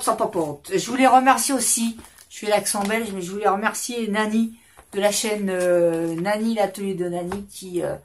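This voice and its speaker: A woman's voice: medium pitch, a little mellow, a little hiss or hum. Woman in her 50s rambling away at her desk, casual chatty vlog, keeps cutting herself off. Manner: rambling, chatty, self-interrupting. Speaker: craft channel host. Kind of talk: casual chat. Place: at a home desk, indoors.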